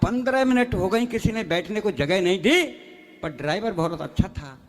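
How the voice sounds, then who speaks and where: A man's voice: sits high, normal speed. A man performing as a comic poet on stage, telling rustic jokes in a chatty way and often calling the crowd sir. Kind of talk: stage comedy storytelling.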